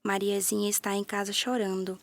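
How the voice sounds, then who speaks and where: A woman's voice: medium pitch, level tone, a little fast, vocal fry, lightly acted. A woman voicing a kind Brazilian greengrocer. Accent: Brazilian Portuguese. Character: kind male greengrocer, gentle and caring.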